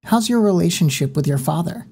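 Woman playing a calm, gently probing teen girl. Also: lowish voice, a little fast, slight background noise, pitched above the performer's own voice. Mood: gentle.

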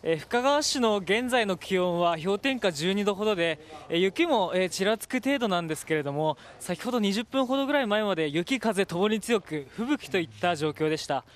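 A man with a notably high voice reports live on the weather as a field reporter. His delivery is measured and explanatory. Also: lively intonation.

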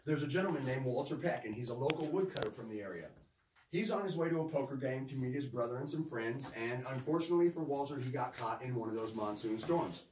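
In an underground cavern with narrow passages, a male tour guide narrates informally to a group, folksy and storytelling, giving courteous directions. His medium-pitched, darkish voice moves at a quick pace. A visitor's handheld phone several metres away records him, picking up cave echo and faint noise.

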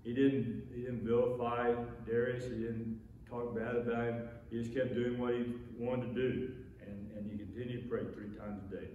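A man's voice: medium pitch, little pitch movement, moderate pace, a little hiss or hum. A middle-aged man preaching a sermon from a pulpit, earnest and repetitive, often restarting his phrases, recorded by a camera at a distance in a small church. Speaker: pastor. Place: small church sanctuary with empty chairs, indoors. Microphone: far camera facing the pulpit. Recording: very echoey, dull church room recording.

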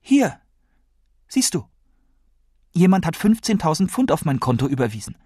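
A man's voice: fairly high pitch, very animated, normal speed, dark tone, husky, dry recording, studio quality, pitched above the performer's own voice. A man voicing a worried, probing woman. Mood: probing, upset. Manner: pleading, probing questions. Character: worried, insistent woman questioning a boy.

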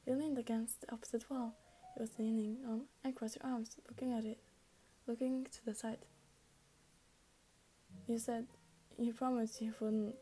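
A woman's voice: on the high side, level tone, moderate pace, mellow, husky. A woman casually reading a fan story aloud, chatty, with frequent slips and restarts. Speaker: fan fiction reader.

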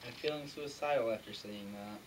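A young man playing a morbid, fatalistic emo in an amateur comedy sketch, with a bleak deadpan delivery. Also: mid-range voice, fairly quick, natural voice, poor audio. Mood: gloomy. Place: room in a house. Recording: home room, faint background noise.

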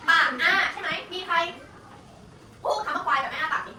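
High-voiced woman teaching young children. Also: brisk. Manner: patient, prompting, repeats each word back. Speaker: primary school teacher. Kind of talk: classroom phonics lesson for young children. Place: classroom. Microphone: room recording from a distance. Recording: echoey classroom from far off with background noise.

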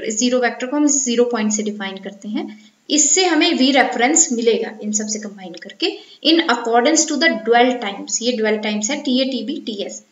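A woman lecturer with an Indian accent, explaining an engineering topic step by step and mixing technical English terms into her talk. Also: high voice. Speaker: university lecturer. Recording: echoey, dull lo-fi room recording.

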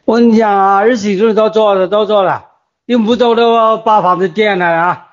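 An older man near retirement, with a Wuhan accent, leaves informal voice messages in a group chat, distraught and agitated as he insistently pleads, warns, and repeats himself. His voice sits high with fairly even intonation and a fairly quick pace. The phone recordings sound muffled and lo-fi.

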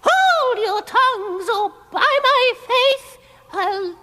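An overwrought stage player in a cartoon, reciting archaic tragedy. She speaks very slowly, drawing each word out, in a very high pitch that swings widely. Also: lively intonation, sharp tone, full character voice. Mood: pleading. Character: overwrought stage actor reciting tragic lines.

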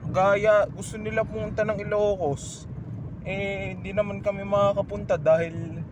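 Polite teenage boy with a high voice. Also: level tone, measured pace. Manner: polite, agreeable. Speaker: vlogger. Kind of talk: casual chat. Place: inside a moving car on city streets. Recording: noisy car interior.

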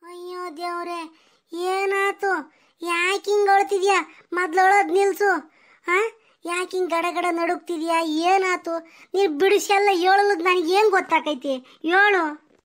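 A woman's voice: extremely high pitch, steady tone, measured pace, fairly bright tone. A woman playing a fretful village wife, fussing, nagging and asking question after question. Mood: worried. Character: fretful rural village wife, scolding and consoling.

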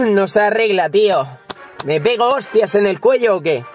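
A young man from Spain with a Spanish accent, hoarse with a cold, commenting live on his mobile game and swearing freely at viewers. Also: sits high, expressive, normal speed, no room sound, soft background music. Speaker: gaming YouTuber.

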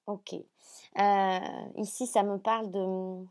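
A French woman giving a spiritual card reading to the viewer, speaking softly and hesitantly, often repeating phrases with many fillers. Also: mid-range voice, flat delivery, slow. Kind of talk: channeled reading, addressing viewer.

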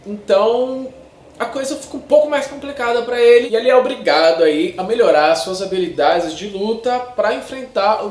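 A man's voice: sits high, darkish tone. A Brazilian man in his thirties chattily reviewing a film to camera in slangy, casual speech with frequent tag questions. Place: small indoor room with shelves of discs. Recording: echoey untreated room.

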